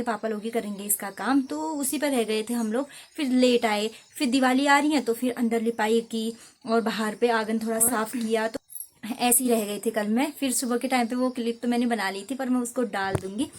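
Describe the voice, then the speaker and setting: Young Kumaoni woman, village vlogger, fairly high voice, chatty and rambling, crickets faint behind. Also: slight background noise. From Uttarakhand, India. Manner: chatty, rambling, self-correcting. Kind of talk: casual village vlog chat. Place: outdoors at a village home.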